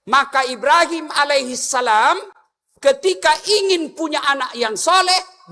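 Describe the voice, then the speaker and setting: Man, humorous sermon, sharp tone, long hall reverb. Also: extremely high pitch. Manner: animated, jokes, questions the audience directly. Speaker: preacher.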